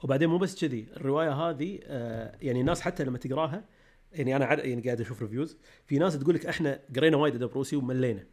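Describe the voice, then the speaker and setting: A man's voice: mid-range voice, darkish tone. A man, co-hosting a podcast in casual chat, talking eagerly and laughing easily. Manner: rapid, enthusiastic, laughs easily. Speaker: podcast co-host.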